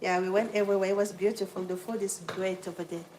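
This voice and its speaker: A woman's voice: mid-range voice, little pitch movement, fast talker, darkish tone, slight background noise, poor audio. A woman from Cameroon hosting a casual cooking livestream from her home kitchen, chatting with viewers and apologizing as she juggles tasks. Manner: chatty, greets viewers by name, apologetic while multitasking. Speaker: livestream host.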